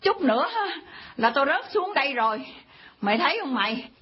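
An actress playing a cantankerous old grandmother who scolds and insults, with a husky voice. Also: high voice, very animated, moderate pace. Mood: scolding. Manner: scolding, insulting, mock-sweet. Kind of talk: comedy skit acting. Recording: dull lo-fi recording.

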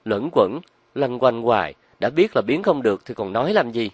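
A man putting on a shrill impatient young woman. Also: big pitch swings, normal speed, slightly rough, dry recording. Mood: scornful. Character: anxious young woman, sharp, impatient lover.

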